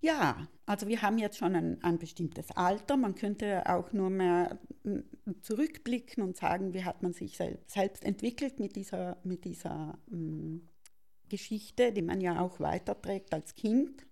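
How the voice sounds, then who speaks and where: A middle-aged woman, thoughtfully telling her life story as an interview guest and often pausing to search for words. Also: medium pitch, creaky, darkish tone. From South Tyrol, Italy. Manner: thoughtful, searching for words with many pauses and restarts. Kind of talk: reflective personal storytelling.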